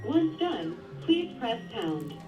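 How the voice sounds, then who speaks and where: A recorded phone message in a woman's fairly high, lively voice. She reads a scripted automated menu in a polite, measured way and gives callers step-by-step instructions. The sound is distant and phone-like, with music behind it.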